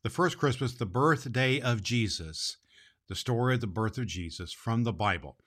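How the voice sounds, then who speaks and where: A man's voice: mid-range voice, expressive, normal speed, a bit bright. A man playing a jolly old Santa Claus who hosts a children's storytelling show in a hearty, rambling manner. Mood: friendly, chatty.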